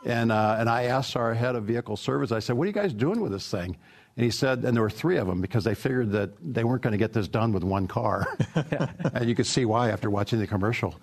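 A middle-aged man who works as a product executive at a car company answers interview questions, telling stories in a relaxed way and using lots of fillers. His voice sits at a medium pitch, and he talks fast.

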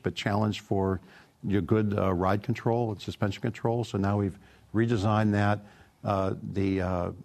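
A middle-aged man, a car company product executive, answering interview questions in a relaxed, storytelling way with plenty of fillers. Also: lowish voice, vocal fry.

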